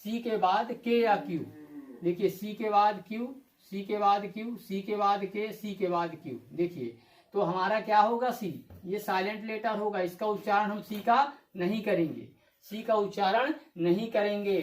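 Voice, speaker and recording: An English teacher gives a classroom-style video lesson, patiently explaining step by step, repeating each rule, and asking viewers rhetorical questions before answering them. Her medium-pitched voice moves at a measured pace and rings in an echoey, roomy space.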